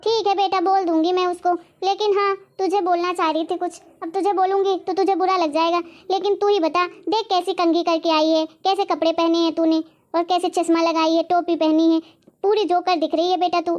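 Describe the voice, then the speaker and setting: A woman voicing a kindly, reasonable older mother-in-law in a cartoon, speaking in a gentle, motherly way. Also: very high voice, flat delivery, a little fast. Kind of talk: animated cartoon voice acting.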